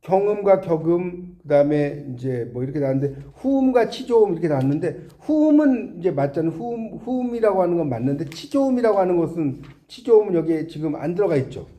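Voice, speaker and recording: Male tutor, high dark voice, animated exam-prep teaching, echoey room. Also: quick pace, hardly any pauses. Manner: animated, repeats himself, corrects his own slips.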